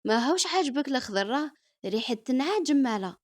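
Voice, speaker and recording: A woman voicing an excited, teasing young sister-in-law in a spoken story. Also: high voice, fast talker.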